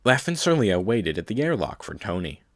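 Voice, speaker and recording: A man narrates a science-fiction novel in a very low voice. The sound is dry and close to the mic, and his reading is steady and measured. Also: dry recording. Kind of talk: scripted audiobook narration.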